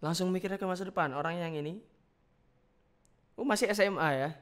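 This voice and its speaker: A man's voice: sits high, fairly bright tone, smooth. A man reacting playfully to fan voice notes in casual chat. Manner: playful, chatty, quick reactions.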